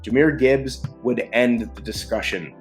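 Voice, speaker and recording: A man hosting a casual football mock draft video, talking with excitement and frequent restarts. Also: mid-range voice, faint music behind. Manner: excited, rapid-fire picks with frequent restarts. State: short of breath. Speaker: sports video host.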